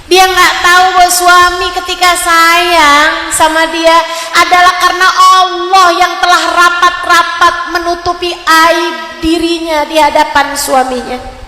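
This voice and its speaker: A woman's voice: very high voice, bright, forceful tone. A woman preacher giving a sermon to a gathering of women, in a sing-song manner with repeated refrains. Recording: echoey hall with long reverb.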